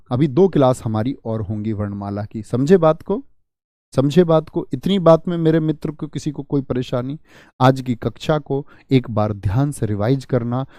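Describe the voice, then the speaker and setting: A man's voice: mid-range voice, warm tone, no echo. A man teaching an online exam-prep lesson, often asking questions and then repeating the answers himself.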